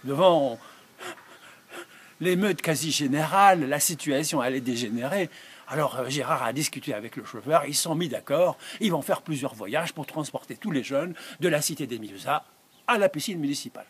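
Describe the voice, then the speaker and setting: A man telling a comic story on stage, lively and playfully conspiratorial. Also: on the high side, moderate pace, husky.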